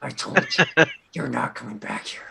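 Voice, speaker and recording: A man voicing a gruff male detective from a comic-book show, talking low, quiet and clipped. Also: lively intonation, moderate pace, crowd noise. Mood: stern.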